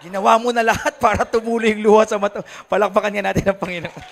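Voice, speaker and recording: A man's voice: sits high, level tone, quick pace, gravelly, some chatter behind, slight background noise. A young adult Filipino man preaching a sermon with humor, mixing Tagalog and English and acting out churchgoers. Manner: switches between Tagalog and English. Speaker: pastor.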